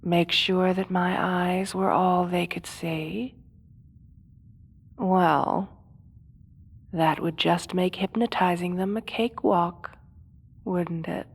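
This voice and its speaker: Lady doing a seductive villainess hypnotist, slow theatrical menace, soft and coaxing, drops into whispers, audio roleplay. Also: on the low side, fairly even intonation, breathy edge, exaggerated voice. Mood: seductive, hypnotic menace. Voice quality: soft, often dropping to a whisper. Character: seductive, manipulative female supervillain hypnotist, gloating captor. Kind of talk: hypnosis audio role-play.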